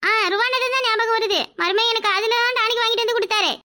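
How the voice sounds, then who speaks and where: Woman voicing a tipsy old cartoon granny, very high and shrill, bright, whiny and rustic. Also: steady tone, fast. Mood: rambling. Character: boozy old village grandmother, sly and defensive. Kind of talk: cartoon voice acting.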